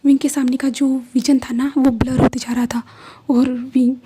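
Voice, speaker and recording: A woman narrating a fan fiction story in Hindi-English, in a soft, often whispered voice. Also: high voice, flat delivery, normal speed, heavy background noise.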